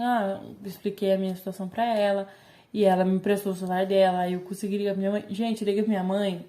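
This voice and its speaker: A woman's voice: medium pitch, mellow. A teenage girl with a Brazilian Portuguese accent, chatting to her viewers and retelling a story with lots of quoted dialogue. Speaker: vlogger. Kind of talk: casual storytelling to camera.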